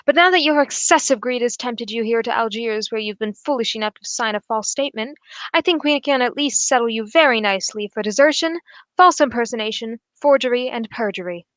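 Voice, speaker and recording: A woman playing Sherlock Holmes, a shrewd gentleman detective, in a formal, measured radio drama style. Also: a little high, dry recording, close to an everyday voice. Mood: confident, accusing. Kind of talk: old radio drama acting.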